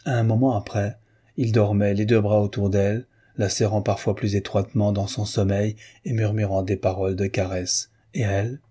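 A man narrating a novel aloud in a measured, literary way. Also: lowish voice, little pitch movement, mellow, slightly rough.

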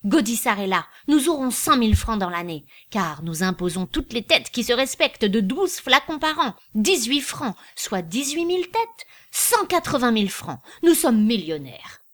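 A woman's voice: on the high side, very animated, moderate pace, pitched above the performer's own voice. A grandiose middle-aged perfumer, read by a woman, bursting with exclamations. His voice swoops widely and rises as he boasts. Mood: boastful.

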